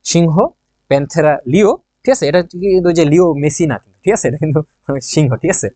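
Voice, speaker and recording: A teacher with a quick, slightly high, mellow voice leads an exam-prep lesson in a chatty, joking way, asking his own questions, answering them, and repeating key points. He's close to the mic in a dry room, giving a dry recording.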